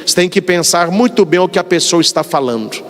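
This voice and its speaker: High, lively Brazilian priest preaching. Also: male voice, quick pace. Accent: Brazilian Portuguese. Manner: animated storyteller, acts out dialogues. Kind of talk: sermon. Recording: long hall reverb.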